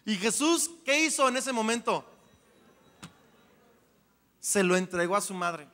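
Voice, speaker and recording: Male pastor, high bright voice, lively playful sermon, long hall reverb. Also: a little slow. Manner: animated, playful preaching with acted-out voices.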